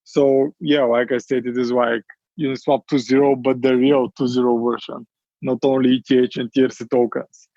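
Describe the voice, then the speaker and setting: A man answering interview questions in quick bursts, with many fillers along the way. His voice sounds dry and close, with no room around it. The audio is a little dull and muffled, as on a remote call. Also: mid-range voice, flat delivery, dark tone, dry recording. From Bulgaria. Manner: quick, eager explanations with frequent fillers. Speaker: startup CEO guest.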